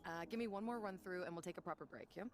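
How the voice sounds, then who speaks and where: A woman's voice: fairly low pitch, very fast, close to an everyday voice. A woman playing a weary, no-nonsense band manager in a game trailer, dry and firm. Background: music.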